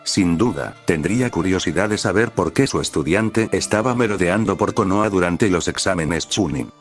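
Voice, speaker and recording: A man reading fan fiction aloud as storybook narration, at a steady, even pace. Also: deep voice, normal speed, soft background music.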